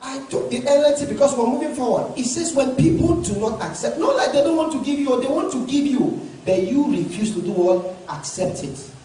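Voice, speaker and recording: A male pastor preaching a sermon, often rising to shouted emphasis. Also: very high-pitched, expressive, fairly quick, hardly any pauses. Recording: echoey hall from far off, faint noise.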